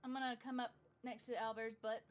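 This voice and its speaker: Female player, slightly high pitch, playful and casual. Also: little pitch movement, fairly quick. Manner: joking, casual. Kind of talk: casual tabletop play.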